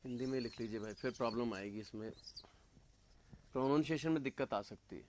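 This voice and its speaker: A male teacher giving an exam-prep class lecture, dictating notes word by word and pausing on fillers as he explains. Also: medium pitch, a little hiss or hum.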